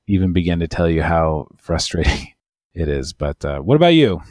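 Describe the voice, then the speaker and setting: A man's voice: sits low, very animated, moderate pace, darkish tone, no echo, studio quality. A man, an immigration lawyer, telling a long, wry, rambling story in casual podcast chat.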